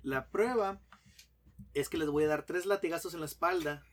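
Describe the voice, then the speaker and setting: A man's voice: a little high, normal speed. A man telling a long joke in a casual chat, acting out characters and sound effects. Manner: animated storyteller, acts out characters and sound effects. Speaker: podcast guest telling jokes.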